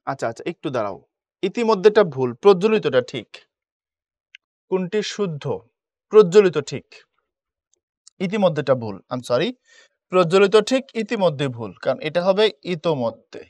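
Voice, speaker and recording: A man's voice: a little high, big pitch swings, unhurried, long pauses, a little mellow, no room sound. A man teaching a Bengali grammar lesson with a Bangladeshi accent. He explains step by step, often checks whether the students follow, and mixes in English words. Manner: explains step by step, asks "বুঝছো?". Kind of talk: admission test coaching lesson.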